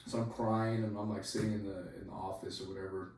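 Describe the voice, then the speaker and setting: A soldier telling a story on a podcast in a rambling, casual way, leaning on "like" and swearing freely. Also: male voice, low-pitched, little pitch movement, fast talker, a little mellow, a little hiss or hum. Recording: very echoey room, voice far from mic.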